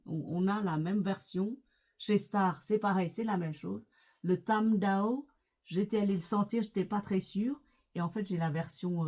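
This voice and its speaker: A middle-aged lifestyle vlogger chats casually about perfumes, hesitating often and full of fillers and restarts. Her voice is fairly low with a dark tone.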